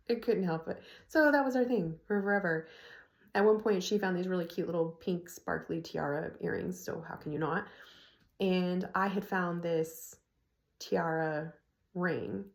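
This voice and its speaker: Speaking unhurriedly in a lowish voice, a middle-aged vlogger laughs frequently while sharing a personal story with her phone camera in a relaxed way. Her phone rests on an ironing board in a room with noticeable echo.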